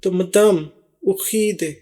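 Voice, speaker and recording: A man with a high voice hosts a relaxed talk. He explains song lyrics word by word and lingers on each phrase as he repeats it. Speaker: host translating song lyrics. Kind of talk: casual explanatory chat.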